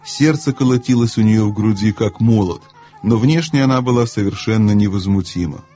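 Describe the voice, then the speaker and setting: A man reading a children's fantasy novel aloud as a measured, even audiobook narrator. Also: lowish voice. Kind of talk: scripted narration.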